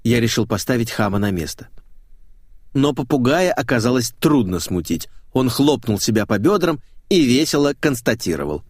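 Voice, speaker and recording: A man narrating an audiobook in the first person, with a wry, expressive storytelling manner. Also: medium pitch, normal speed, husky, no echo. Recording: dry close studio.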